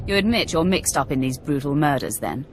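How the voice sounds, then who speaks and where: A man's voice: a little high, lively intonation, brisk, a little hiss or hum, natural voice. A man playing a terse, cold Sith warrior. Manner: terse, dry, commanding.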